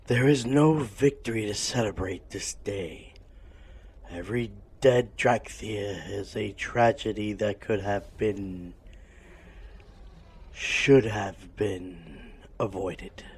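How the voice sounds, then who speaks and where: Grave guy reading out game quest lines, lowish voice, really unhurried. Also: husky. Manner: grave, solemn. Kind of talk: dramatic scripted reading.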